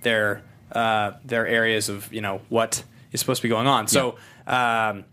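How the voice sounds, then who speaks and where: A man's voice: fairly low pitch, flat delivery, a little slow, sharp tone. A man, hosting a casual TV after-show and leading the talk with rambling analysis. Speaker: host. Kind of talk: casual chat.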